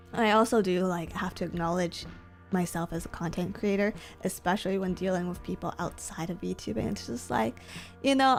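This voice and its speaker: A woman's voice: mid-range voice, vocal fry. A woman livestreaming in a casual, chatty way, rambling along and often repeating her phrases as she talks to viewers. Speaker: streamer and VTuber content creator. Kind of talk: casual livestream chat while gaming.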